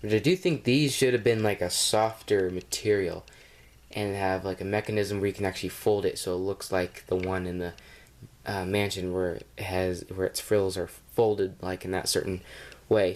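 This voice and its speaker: A fairly low-voiced man with a cold talks through a toy review at home. He rambles and hesitates, filling gaps with ums and uhs, and is picked up on a camera mic. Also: steady tone, normal speed. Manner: rambling and hesitant, with many fillers. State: has a cold. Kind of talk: casual toy review vlog.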